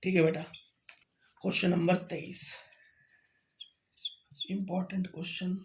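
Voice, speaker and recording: A man's voice: high-pitched, little pitch movement, unhurried, echoey room, slight background noise. A man tutoring a student through maths steps at home, patiently checking that each step is understood. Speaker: maths teacher. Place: teaching at home.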